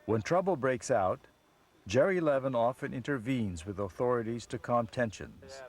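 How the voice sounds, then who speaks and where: A man narrates a documentary in an even, measured voice-over. His pitch sits in a middle range, neither high nor low, and he keeps his delivery steady. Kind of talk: scripted narration.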